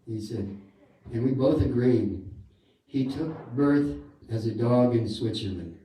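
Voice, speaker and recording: A man preaching in a relaxed, chatty way, with a very dark and mellow tone. His voice comes from a distance and rings through an echoey temple hall. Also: medium pitch, takes it slowly. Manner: conversational, with many asides. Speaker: guru giving a talk. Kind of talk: sermon. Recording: echoey hall, speaker off-mic.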